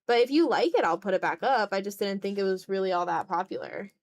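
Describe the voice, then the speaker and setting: A streamer and content creator talks fast at a medium pitch while drawing on an art livestream. She chats casually, thinking out loud in a hesitant, self-deprecating way.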